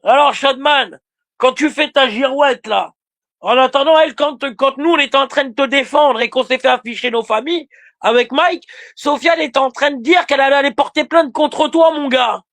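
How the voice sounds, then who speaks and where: A man's voice: very high voice, normal speed, fairly bright tone. A man livestreaming a heated, insulting rant aimed directly at a rival, repeating himself often.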